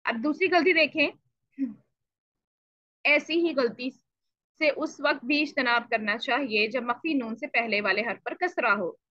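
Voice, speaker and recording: A woman teaching Quran recitation in an online lesson, explaining patiently and repeating syllables to demonstrate, clearing her throat now and then. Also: sits high, unhurried, long pauses, fairly bright tone, no room sound. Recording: dull lo-fi dry audio.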